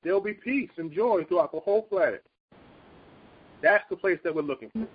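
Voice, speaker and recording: A man with a high, husky voice delivers an earnest Bible teaching in a relaxed, conversational style at a fairly quick pace. When he makes a point, he speeds up and raises his pitch. The recording sounds muffled and lo-fi.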